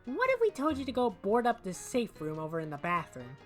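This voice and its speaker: A woman's voice: on the high side, huge pitch swings, brisk, soft background music. A woman voicing a hyperkinetic, gleefully violent cartoon rabbit in a fan animation, wisecracking and flippant.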